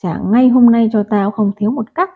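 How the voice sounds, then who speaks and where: A woman's voice: on the high side, normal speed, lightly acted. A woman voicing a brutal male loan-shark gang boss who hurls crude, abusive threats in a storybook reading. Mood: menacing. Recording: tinny phone-like audio.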